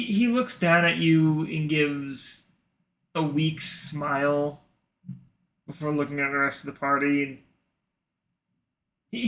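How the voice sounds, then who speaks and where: A man narrating as game master of a tabletop game, describing scenes in an unhurried, descriptive way. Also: a little high, a bit bright.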